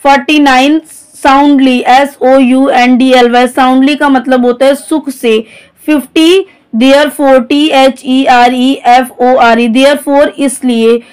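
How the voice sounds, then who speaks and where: A woman's voice: sits high, fairly even intonation, takes it slowly, a little mellow, clean tone. A woman teaching English vocabulary, spelling each word letter by letter and then explaining its meaning. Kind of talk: vocabulary lesson, spelling out words.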